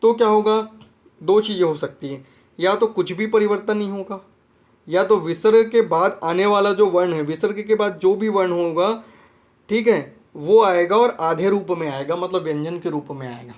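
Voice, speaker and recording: With a high voice at normal speed, a man teaches an exam-prep grammar lesson. He repeats himself often and checks whether students have understood, asking "theek hai friend."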